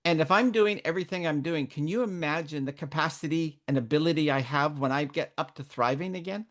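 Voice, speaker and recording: A woman's voice: low-pitched, brisk. A middle-aged woman raised in Canada, speaking as a guest mentor in a candid interview, earnest and reflective, often restarting her sentences. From born in Northern Ireland, raised in Canada.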